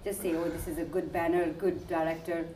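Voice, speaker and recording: A woman interviewer asking probing questions with quick follow-ups. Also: fairly low pitch, little pitch movement, dark tone, roomy sound, slight background noise.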